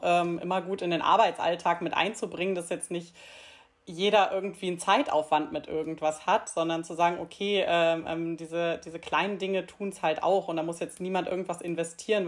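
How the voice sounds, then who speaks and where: A woman's voice: on the low side, fairly even intonation, a little fast. A woman, a guest in an interview, talking chattily and laughing as she tells stories. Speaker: employee engagement team member, guest. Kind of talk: conversational interview talk.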